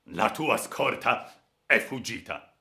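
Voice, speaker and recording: A man voicing a cruel, vengeful male bandit in an audiobook, loud, menacing and gloating. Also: medium pitch, expressive, takes it slowly, gravelly, full character voice. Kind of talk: audiobook character voice.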